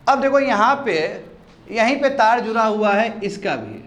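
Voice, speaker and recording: High-voiced man teaching a class. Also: expressive, unhurried, fairly bright tone, roomy sound. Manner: questioning, drills students repeatedly. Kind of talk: classroom grammar lesson. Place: classroom with students.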